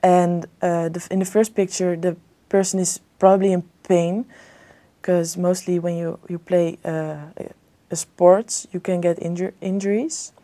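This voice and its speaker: A woman's voice: lowish voice, level tone, moderate pace, dark tone. A young woman from the Netherlands, answering exam questions hesitantly with many fillers and restarts. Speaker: exam candidate. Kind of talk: spoken English exam answers.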